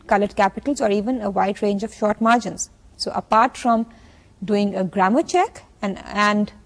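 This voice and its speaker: A woman's voice: medium pitch, a little mellow. A woman university lecturer, explaining points in a recorded distance-learning lecture. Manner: explains slowly, switching into fast Urdu asides.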